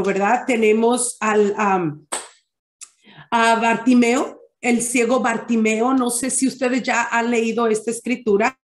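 A woman teaching a Bible study, deliberate and often checking in with her listeners. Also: on the high side. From Mexico. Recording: echoey room.

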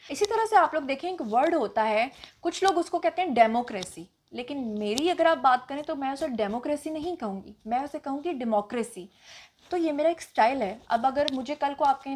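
Pakistani woman doing a q&a vlog, punjabi is her first language, firm and sure of herself, kinda high voice. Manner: assertive, emphatic, self-assured. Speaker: vlogger host. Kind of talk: casual Q&A vlog answering comments.

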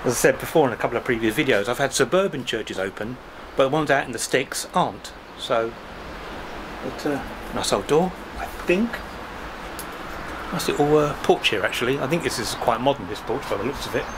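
With a brisk, medium-pitched voice and lively intonation, an English travel vlogger in his fifties chats and rambles to his handheld camera at arm's length, adding self-mocking asides as he explores a country churchyard by the road. Traffic and wind carry in the outdoor background.

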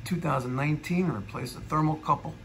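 A man in his forties, a plumber with a New York accent, talking to viewers in an animated, hyped way while filming himself on a phone in a house basement. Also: fairly high pitch, fairly quick, creaky, a little hiss or hum. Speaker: plumber and heating technician. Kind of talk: on-the-job vlog narration. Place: house basement boiler room. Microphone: phone camera at arm's length.

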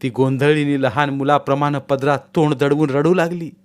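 A man narrating a village tale in a measured, deliberate reading. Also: fairly high pitch, fairly even intonation. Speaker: storyteller. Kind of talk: storybook narration.

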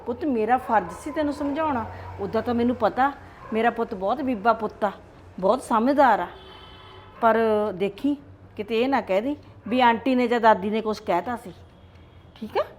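A woman with a Punjabi accent playing a scheming older grandmother who coaxes a child in a soft, conspiratorial way. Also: fairly high pitch, normal speed, pauses often, lightly acted. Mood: coaxing. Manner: coaxing, conspiratorial.

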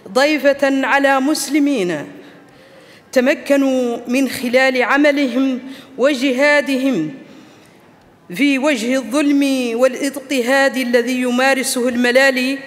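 A woman's voice: sits high, fairly even intonation, measured pace. A middle-aged woman from Mauritania, a former parliamentarian, giving an emphatic formal speech from notes at a lectern in a large banquet hall. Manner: emphatic, rousing oratory. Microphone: lectern microphones. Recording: reverberant hall.

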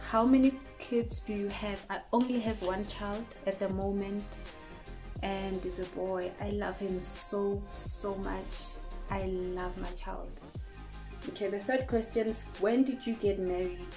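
A South African vlogger in her twenties chats casually into her phone camera at close range, rambling through a get-to-know-me video. She sits in a small indoor room in front of cupboards, her mid-range voice slow and steady over music.

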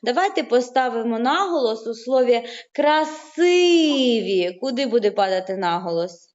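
A woman teaching young children in an online lesson, patient and encouraging, stretching words out slowly, heard through a video call. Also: on the high side, lively intonation. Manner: slow, drawn-out syllables when saying words aloud. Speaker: primary school teacher. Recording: muffled online call audio.

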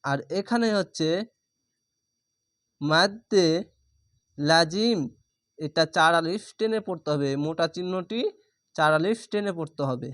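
Man, Quran reading teacher, spells syllables letter by letter, patient explaining, slightly high voice, dry close sound. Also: fairly bright tone, dry recording. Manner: spells out syllables slowly and methodically.

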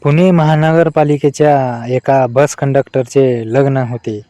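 A man reading out a string of short adult jokes in a flat delivery. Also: mid-range voice, unhurried, dull audio, a little hiss or hum. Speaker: joke narrator.

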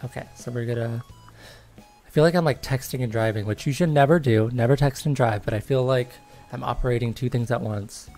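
A woman's voice: a bass voice, fairly quick, warm tone, soft background music. A woman in her twenties chatting casually on a livestream while playing a game, bubbly and giggly with lots of little cheers. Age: 20s. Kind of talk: casual gameplay chat.

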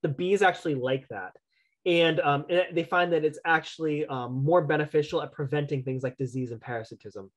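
A man's voice: a little high, a little fast. A young adult man, a county entomologist, giving a casual online lecture on gardening over a video call, chatty and full of restarts and "right?" tags. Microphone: video call webcam.

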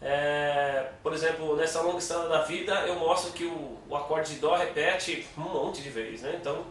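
A man's voice: a little high, normal speed, slight background noise. A Brazilian man giving a casual guitar lesson, patiently explaining and counting beats aloud. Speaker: guitar teacher. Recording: echoey room, mic at a distance, guitar playing.

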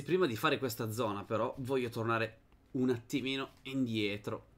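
An excitable young man hosting a gaming channel offers casual let's-play commentary, talking to his viewers and the game's characters. In fights he breaks into high shouts.

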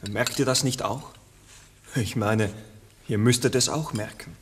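An actor playing an uneasy, brooding farmer and father who speaks haltingly in a 1960s radio play. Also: medium pitch, slightly rough. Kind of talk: 1960s German-language radio play acting. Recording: noisy old radio recording, tableware clinking.

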